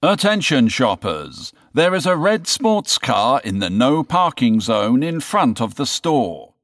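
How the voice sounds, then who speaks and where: A man reading a store announcement in a formal, measured way, spelling out numbers and letters carefully. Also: mid-range voice, big pitch swings, fairly bright tone, dry recording, clean studio sound, soft background music. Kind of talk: store public-address announcement, read for a listening test.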